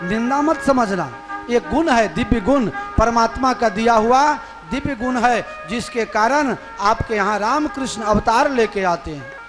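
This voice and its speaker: A man telling a devotional story sermon, lively and teasing his audience. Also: extremely high pitch, a little slow, music in the background. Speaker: storyteller preacher.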